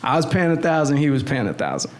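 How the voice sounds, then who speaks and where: Young man, podcast guest, animated storyteller, slightly raised pitch, studio boom mic. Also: fast talker. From Navy brat, born in the Philippines, lived in Miami. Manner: animated storyteller with frequent restarts and slang. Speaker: podcast guest, clothing designer. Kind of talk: casual podcast conversation. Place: small studio room with a table. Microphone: boom mic on arm at the table.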